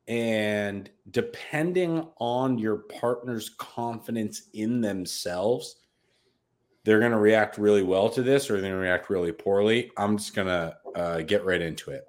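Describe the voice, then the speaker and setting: A man with a lowish voice co-hosts a loose sports betting chat. He's brash and jokey, with swearing sprinkled through his banter. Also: a little slow. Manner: brash, joking, swears freely. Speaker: podcast co-host.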